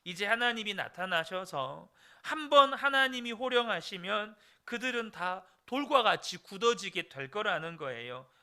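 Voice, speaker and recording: A man's voice: high voice, sharp tone. A male pastor preaching an earnest dawn service sermon, speaking directly to his congregation.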